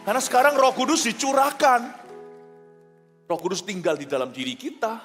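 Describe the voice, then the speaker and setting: A high-voiced male pastor preaches with bouncing energy, teasing and quizzing his congregation. His voice rings out through a large hall with a long reverb tail. Faint music plays softly beneath him. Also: brisk. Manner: animated, jokey, asks the crowd questions. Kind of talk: lively sermon to a congregation.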